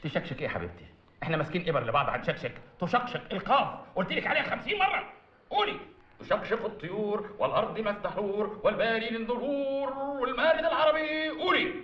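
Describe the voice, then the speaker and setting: Fussy Egyptian Arabic teacher, over-enunciating, high lively voice, distant and roomy, dull film audio. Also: male voice, very fast. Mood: scolding. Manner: over-enunciates letters, lectures and scolds. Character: pompous fussy male Arabic teacher, short-tempered. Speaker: Arabic tutor.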